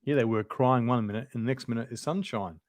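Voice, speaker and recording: Male Bible teacher, mid-pitched, conversational and explanatory, close dry sound. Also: quick pace, no echo. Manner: informal, explanatory, thinks aloud. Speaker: Bible lesson presenter.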